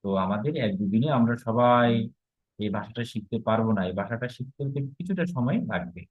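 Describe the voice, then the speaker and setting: A man's voice: mid-range voice, animated, a little fast, breathy edge. A man teaching a grammar lesson, explaining step by step and asking the class rhetorical questions. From Bangladesh. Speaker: Sanskrit teacher. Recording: slightly dull, lo-fi recording.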